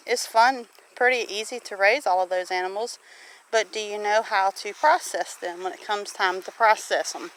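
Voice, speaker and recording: A middle-aged homesteader vlogger with a Southern US accent chats casually outdoors on her homestead near farm animals, sounding folksy and often posing questions to the listener. Her voice is medium-pitched and a bit bright. The audio is poor, with slight background noise.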